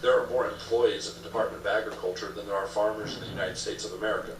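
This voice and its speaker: A man with a fairly low voice talks quickly, like a candidate in a political interview. He makes his points emphatically with repeated phrasing, heard from a distance in a roomy space. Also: fairly even intonation. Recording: echoey room, distant mic, noisy background.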